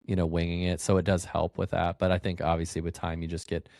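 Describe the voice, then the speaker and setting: A man with a notably low voice hosting a relaxed podcast chat. His talk is loose and full of fillers, and the recording is dry and close with no room sound. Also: fast talker, vocal fry, dry recording. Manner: loose, filler-heavy, laughs easily. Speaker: real estate agent, podcast host. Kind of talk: casual podcast conversation.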